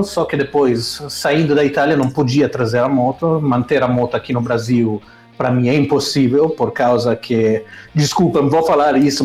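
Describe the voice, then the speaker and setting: A man's voice: mid-range voice, a little mellow, reverberant. Italian man chatting in Portuguese. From Italy. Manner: rambling, self-correcting storyteller. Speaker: streamer guest. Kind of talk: casual interview chat.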